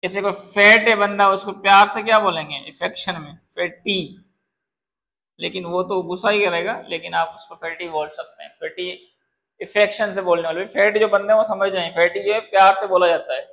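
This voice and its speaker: Brief: male teacher, high-pitched voice, patient classroom style, keeps checking if students understand. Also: fairly even intonation, a little fast, hardly any pauses, bright, forceful tone. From Pakistan. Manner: calls students "beta", explains with word examples. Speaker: English grammar teacher. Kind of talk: classroom grammar lesson.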